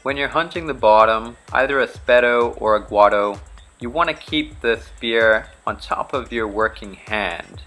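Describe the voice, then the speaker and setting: A man's voice: mid-range voice, measured pace, faint music behind. Bahamian man explaining spearfishing technique. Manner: relaxed, practical, step-by-step explaining. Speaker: charter fishing captain. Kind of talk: instructional vlog narration.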